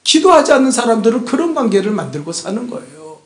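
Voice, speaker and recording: A man pastor delivering a Sunday sermon, emphatic and prodding his congregation with rhetorical questions, swinging between loud exhortation and hushed asides. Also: very high-pitched, sing-song, fast. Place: church sanctuary. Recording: echoey church room.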